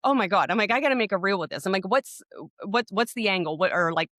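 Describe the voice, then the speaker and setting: A woman's voice: medium pitch, racing, fairly bright tone, no room sound, studio quality. A woman, co-hosting a podcast, telling a story in a rambling way full of restarts and fillers. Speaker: podcast co-host. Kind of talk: casual podcast chat.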